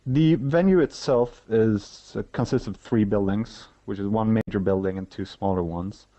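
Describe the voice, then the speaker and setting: Over a muffled phone line, an event organizer from Sweden speaks haltingly and with hesitation in a conversational interview. His accented voice is fairly low and warm, and the recording is dry.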